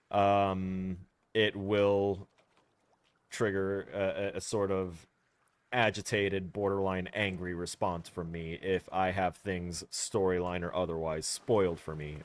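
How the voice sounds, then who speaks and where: A man with a lowish voice talks casually on a home livestream. He is blunt and firm and tends to ramble with fillers as he sets ground rules. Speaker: game streamer. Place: home room.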